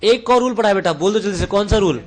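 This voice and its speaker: High-pitched man quizzing his class. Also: expressive, fast talker. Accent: Indian English. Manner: quizzing students, answering own questions; calls students "beta". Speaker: teacher. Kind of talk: interactive revision lecture.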